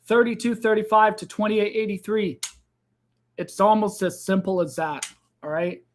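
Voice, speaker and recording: A man's voice: sits high, fairly even intonation, normal speed, a little hiss or hum. A man hosting a crypto live trading stream, talking loosely and chatting straight to his viewers. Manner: chatty, loose, addresses viewers as guys and fam. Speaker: crypto livestream host.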